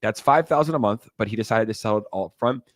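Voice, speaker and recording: A man's voice: on the low side, fast, dry recording. A man co-hosting a crypto talk show in casual, slangy crypto bro style, swearing and giving blunt opinions. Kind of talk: casual chat and news commentary.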